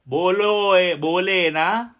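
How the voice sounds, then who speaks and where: A man's voice: high voice, slow, fairly bright tone. A middle-aged man from India preaching a sermon with call-and-response. He speaks with emphasis and keeps asking his listeners questions.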